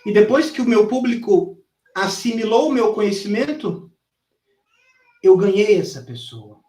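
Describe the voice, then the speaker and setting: His voice sits high and sounds mellow and reverberant, expressive yet measured in pace. The ex-gym trainer, now a sales mentor, gives an intense live-streamed lesson from home, swearing liberally and playacting his past coaching.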